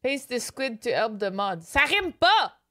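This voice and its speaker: On a casual live stream, a young Canadian woman with a Québécois French accent talks slowly in a slightly high voice. Animated throughout, she reads her chat aloud, sprinkles in English, and lets out excited squeals.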